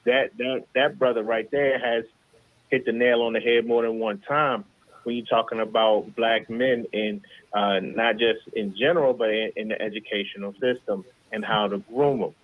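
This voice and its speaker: A man speaks through a thin, tinny phone line as a caller to a talk show. His voice sits low. He talks earnestly, often restarting words as he works through his points. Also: fairly even intonation, normal speed. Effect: heard over a phone line. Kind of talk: call-in commentary.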